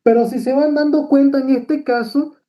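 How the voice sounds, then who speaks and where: High-voiced man lecturing. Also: steady tone, normal speed, warm tone. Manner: explanatory, frequent tag questions and fillers. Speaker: medical lecturer. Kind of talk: lecture with slides.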